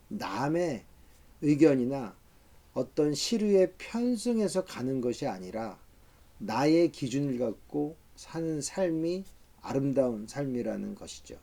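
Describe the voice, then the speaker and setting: Slow, reflective middle-aged male professor. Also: fairly high pitch, dark tone. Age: 50s. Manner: measured, reflective, with frequent hesitations. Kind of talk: talk-style book review lecture.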